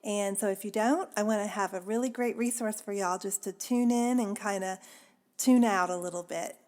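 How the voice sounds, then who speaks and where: A woman's voice: mid-range voice, fairly even intonation, moderate pace, a little mellow. A woman hosting a podcast in a chatty, casual way, laughing often and using many fillers. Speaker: podcast host. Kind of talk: casual chat.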